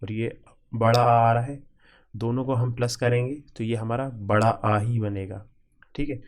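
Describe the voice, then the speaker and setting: A man's voice: medium pitch, fairly even intonation. Man teaching an exam-prep grammar lesson. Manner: repetitive, keeps checking in with "ठीक है"; spells out word parts slowly, piece by piece.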